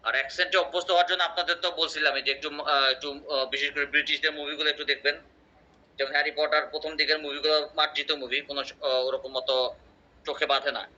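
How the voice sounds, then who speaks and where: A man's voice: fairly high pitch, little pitch movement, fast talker, pushed and bright, a little hiss or hum. A man teaching an English class, explaining with examples and quizzing his students. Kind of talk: online class lecture. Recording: muffled lo-fi audio.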